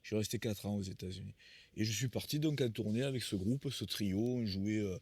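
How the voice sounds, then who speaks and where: This interviewed musician, a man in his sixties, has a fairly quick delivery and a low, slightly rough voice with a little mellowness. He strings together anecdotes in a rambling, conversational way, frequently starting over.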